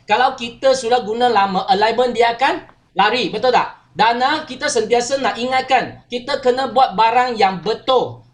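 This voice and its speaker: A high-pitched woman leads a workshop in a chatty way. She tells a story to the group and keeps checking in with questions. Her phrases are often tagged with "okey". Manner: chatty, asks listeners questions, frequent 'okey' tags. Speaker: workshop trainer. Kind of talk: training talk with storytelling.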